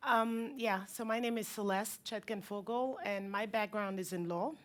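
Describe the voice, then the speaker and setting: A woman in her fifties from Ghana and Cameroon, introducing herself on a panel with halting restarts and light laughter. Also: mid-range voice, fairly even intonation. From Ghana, raised in Cameroon. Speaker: panelist, e-mobility company leader. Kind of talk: panel discussion.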